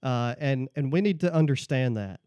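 A man's voice: mid-range voice, expressive, normal speed, warm tone, clean tone, dry recording, clean studio sound. A man talking about the Bible in a casual discussion, laying out points one by one and often checking in with "okay?". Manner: explains point by point, tags lines with "okay?". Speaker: guest.

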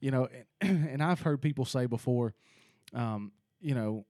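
A man's voice: medium pitch, unhurried, dark tone, no room sound, clean studio sound. A man hosting a casual faith discussion, earnest and thinking aloud with many restarts.

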